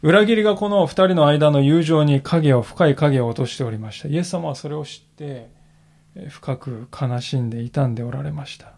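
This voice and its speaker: A male pastor giving a sermon in an earnest, reflective way, slowing down to stress key phrases. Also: fairly high pitch, creaky, darkish tone. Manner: earnest, reflective preaching with emphatic slowed phrases.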